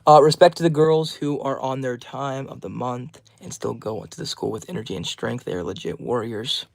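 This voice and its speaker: A man's voice: mid-range voice, steady tone, moderate pace, gravelly, dry recording. A twenty-year-old man live streaming, reading out chat names and answering each message in a friendly, upbeat way. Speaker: livestreamer.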